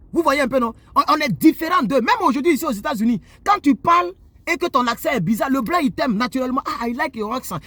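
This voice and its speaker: A man from Côte d'Ivoire, seated indoors and delivering a preachy monologue straight to his viewers. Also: high voice. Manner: animated, preachy, addresses viewers directly. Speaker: YouTuber. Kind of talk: moralizing monologue to camera.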